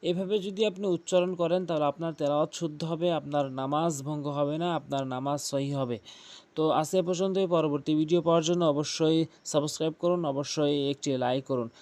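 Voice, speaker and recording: A man's voice: a little high, fairly even intonation, fairly quick, darkish tone. A man with a Bangladeshi Bengali accent teaches pronunciation, saying each letter sound again and again to demonstrate it. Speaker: Quran recitation teacher. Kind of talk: pronunciation lesson.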